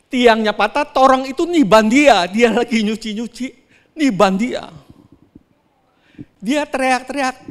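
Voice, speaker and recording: Man, pastor, sermon, dramatic storyteller, high voice, long church reverb. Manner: dramatic storytelling, swinging between soft and loud; often addresses the congregation directly.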